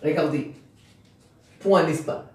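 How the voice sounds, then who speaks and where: A man teaching a lesson in a halting, repetitive way, often restarting sentences and speaking directly to his students. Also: fairly high pitch, darkish tone. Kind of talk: classroom-style explanation. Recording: very echoey room, mic far off.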